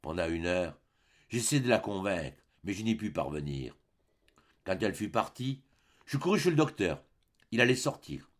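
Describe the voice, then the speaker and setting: Expressive male audiobook narrator. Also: low voice, normal speed, long pauses.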